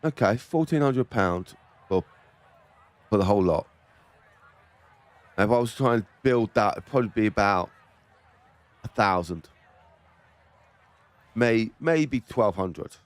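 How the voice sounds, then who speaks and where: A man's voice: fairly low pitch, expressive, slow pace, long pauses. A man chatting casually as he plays a game, with offhand, muttered asides. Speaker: gamer commenting while playing. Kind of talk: casual chat while gaming.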